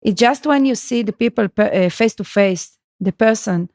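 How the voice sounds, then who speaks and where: A woman guest with a gravelly, creaky edge to her voice. She speaks haltingly, groping for words and starting her sentences over. The recording is dry and close. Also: mid-range voice, a little mellow, no room sound. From Israel. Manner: halting, searches for words, many restarts. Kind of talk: conversational podcast interview.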